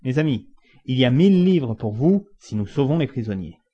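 A man reading the part of a calm, resolute English gentleman, cool and measured. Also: mid-range voice, slightly rough. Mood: firm. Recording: dull lo-fi recording.

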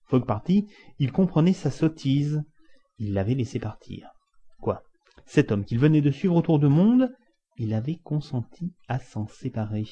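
A man's voice: medium pitch, sing-song, unhurried, warm tone, breathy edge. A man reading a classic novel aloud with dramatic, varied emphasis. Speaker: audiobook reader. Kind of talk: expressive scripted narration of a classic novel. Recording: dull lo-fi recording.

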